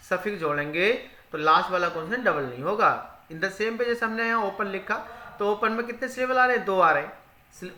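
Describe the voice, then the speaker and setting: This is a spoken grammar lesson from a male English teacher whose voice is high-pitched and sharp. He goes through spelling rules, restating each one in Hindi, and answers his own questions, all recorded in an echoey room.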